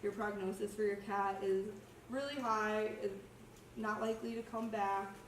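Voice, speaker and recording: A woman's voice: medium pitch, fairly even intonation, normal speed. A young adult woman who is sick with a cough gives an informal slide presentation as a student, explaining casually and a little hesitantly. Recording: roomy, distant mic, faint noise.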